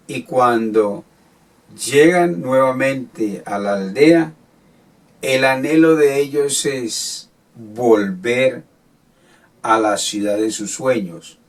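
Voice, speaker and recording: A man teaching a Bible study sermon in Latin American Spanish, reading and explaining scripture in a measured way. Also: mid-range voice. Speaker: preacher. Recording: voice from far off the mic.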